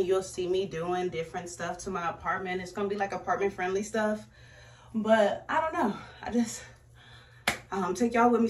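A young woman talks casually to her camera as she films her own vlog. She is chatty and easygoing and drops "like" and "y'all" all through her talk. Her voice sits at an ordinary pitch for a woman, and faint noise hums behind her. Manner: chatty, says "like" and "y'all" a lot. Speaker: vlogger. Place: apartment at home, then a store.

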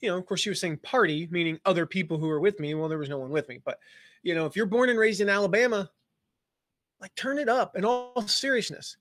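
Talking at a quick pace in a high-pitched, slightly bright voice, a Southern U.S. man teaches a loose business lesson on a live stream. He jokes, wanders, uses lots of fillers and keeps restarting; there's no echo.

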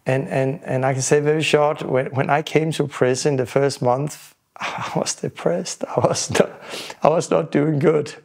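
A man's voice: fairly high pitch, fairly even intonation, a little slow, gravelly. A man in his forties with a Danish accent, a preacher giving an earnest testimony to camera, often repeating words as he restarts sentences indoors. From Denmark. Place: indoor home room.

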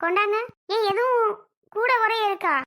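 A woman playing a flustered young wife with a bright high voice. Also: moderate pace. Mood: pleading, defensive. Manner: pleading, then snapping back. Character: flustered young wife defending her cooking. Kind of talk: comedy skit acting.

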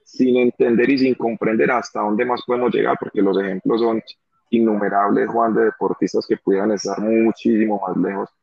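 Colombian man in his thirties, low husky voice, earnest and emphatic, dry dull video-call sound. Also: steady tone, normal speed, no room sound. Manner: earnest, repeats phrases for emphasis. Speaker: footballer interview guest. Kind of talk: earnest conversational interview. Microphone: phone or webcam on a video call.

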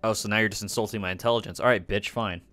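A young man giving casual let's-play commentary, sarcastic and crude, breaking into loud outbursts. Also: fairly low pitch, steady tone, rapid-fire. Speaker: gaming YouTuber.

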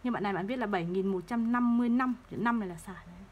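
A woman teaching third-grade math, explaining place values slowly and patiently and repeating each number. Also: medium pitch, breathy edge, dull audio. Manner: slow, patient, repeats numbers to drill them.

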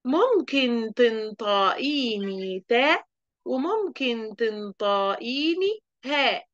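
A woman voicing a playful, teasing female letter of the alphabet in a slow, sing-song chant for a children's lesson. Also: on the high side, lively intonation, muffled recording.

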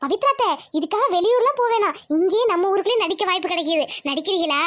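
Woman voicing a coaxing cartoon schoolgirl: very high and bright. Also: expressive, fast talker. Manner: wheedling, hesitant. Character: coaxing young schoolgirl niece.

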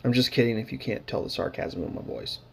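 A man's voice: mid-range voice, animated, quick pace, gravelly, a little mellow, husky. A man casually narrating his hobby painting footage, rambling with lots of fillers and dry, sarcastic humor.

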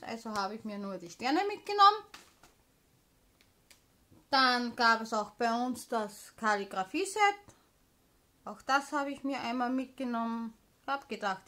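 A woman's voice: on the high side, a little slow, sharp tone. A woman chatting casually as a vlogger, showing purchases in an informal, explanatory manner. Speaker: craft haul vlogger.

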